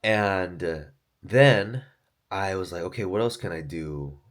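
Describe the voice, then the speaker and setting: A man's voice: deep voice, slow. A man who is an author and podcaster, talking through his thoughts in a loose, rambling monologue, swearing often and saying "like" and "dude". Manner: loose, profane, full of fillers like "like" and "dude".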